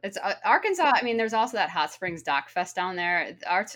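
A woman's voice: medium pitch, big pitch swings, normal speed, fairly bright tone. A woman talking casually, with a friendly, informal way of telling things. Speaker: documentary filmmaker. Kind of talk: casual conversation.

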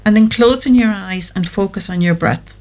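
A woman gives a guided breathing exercise in a soothing, measured way, leaving pauses between gentle instructions. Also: medium pitch. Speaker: guest anxiety therapist on a show.

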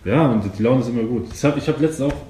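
A man interviewing a guest in a relaxed, chatty way, agreeing often and using many fillers. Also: mid-range voice, very fast. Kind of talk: casual interview. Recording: echoey room with faint noise.

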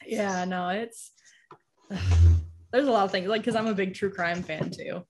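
Brief: woman host, lively pitch, relaxed chat, quick to laugh. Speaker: podcast host. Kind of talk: casual chat.

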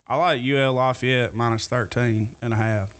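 A man's voice: medium pitch, fairly even intonation, normal speed, a bit bright. Hesitant man giving a betting pick. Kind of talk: casual sports chat.

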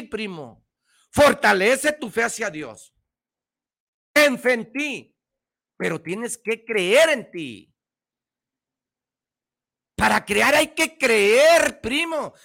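A middle-aged man with a Mexican Spanish accent gives an emphatic, slang-filled motivational talk over the radio, going back over the same points again and again. He sounds high-pitched, creaky and sharp.

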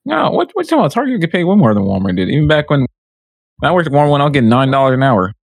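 Fast-talking slangy man. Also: on the high side, very animated, gravelly, no room sound. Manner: fast slangy banter, repeats himself for emphasis. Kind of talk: casual chat.

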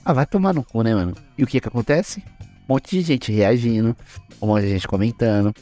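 A young man chatting on a podcast in loose street slang, rambling and laughing as he goes. His voice sits at an ordinary pitch, with faint music playing under the talk. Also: fairly quick, mellow. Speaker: podcast co-host. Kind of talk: casual chat.

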